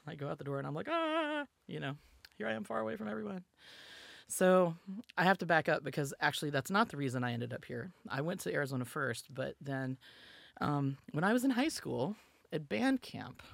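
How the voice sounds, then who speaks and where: A woman's voice: deep voice, expressive, a little fast, creaky, no echo. A woman from Alabama, a musician and podcast guest, telling her story in a chatty, filler-heavy way and acting out quotes. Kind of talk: casual storytelling interview.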